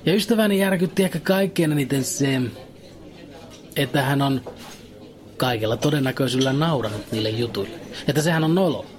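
A man delivering a deadpan, absurd comic monologue in a dry, matter-of-fact way, with hesitant fillers. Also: mid-range voice, pauses often, a crowd in the background.

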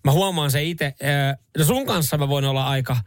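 A male radio host with a voice pitched a touch above the usual, chatting loosely on air. He rambles, backtracks mid-sentence and drops casual swear words. The studio sound is close and dry. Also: no echo. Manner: rambling, many restarts, swears freely. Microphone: studio microphone.

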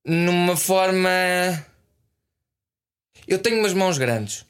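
A man chatting casually, haltingly, often repeating his phrases. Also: high-pitched, expressive, clear, resonant tone. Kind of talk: casual chat.

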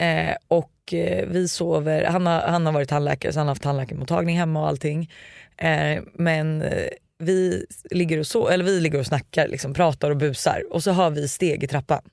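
A man's voice: fairly high pitch, vocal fry, no room sound, clean studio sound. A man on a podcast, casually telling an eerie personal story, acting out the quoted lines. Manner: animated storyteller, acts out quotes. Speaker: podcast host. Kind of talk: casual podcast chat, telling ghost stories.

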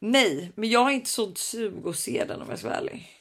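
A woman co-hosting a podcast in casual chat, expressive and playful, exclaiming often. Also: a little high. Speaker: podcast co-host.

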